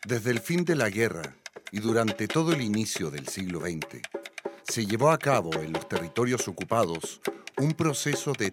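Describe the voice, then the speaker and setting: A man giving measured, formal scripted narration for a documentary. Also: medium pitch. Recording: narration over music.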